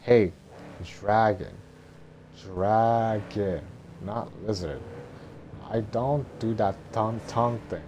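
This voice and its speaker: Man reading as Mushu, a boastful, slow-talking little dragon. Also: lowish voice. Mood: indignant. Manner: blustering, stumbling script reading. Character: boastful bossy little male dragon guardian. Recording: noticeable background noise.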